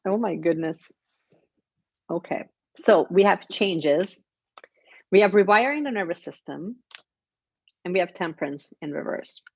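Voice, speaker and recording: A woman's voice: lowish voice, animated, unhurried, vocal fry, long pauses, breathy edge, no room sound, dull audio. A woman giving a casual weekly tarot reading, chatty and encouraging, with plenty of fillers and restarts. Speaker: tarot reader.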